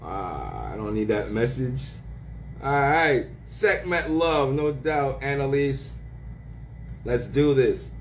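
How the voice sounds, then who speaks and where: Unhurried man shouting out livestream viewers. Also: medium pitch, very animated, a little hiss or hum. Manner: greets viewers by name with slang shout-outs; laughs often, drawn-out words. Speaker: livestream host. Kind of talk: casual livestream chat.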